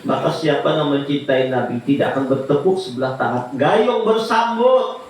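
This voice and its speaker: A man preaching a sermon, lively and jokey, often rising into high pleading cries. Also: fairly quick, slight background noise. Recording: echoey hall from far off.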